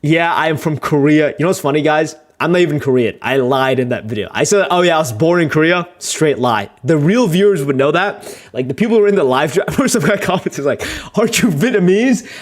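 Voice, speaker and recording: Fast-talking, with lively intonation, a young video creator streams himself editing and chats casually. He rambles, jokes at his own expense, curses now and then and laughs often, raising his volume and pitch during stories.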